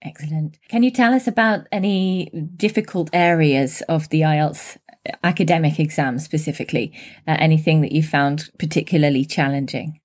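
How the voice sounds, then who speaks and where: A woman's voice: deep voice, normal speed. A woman hosting a podcast as an English teacher, asking a student questions in an encouraging, upbeat way. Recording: music bed under voice.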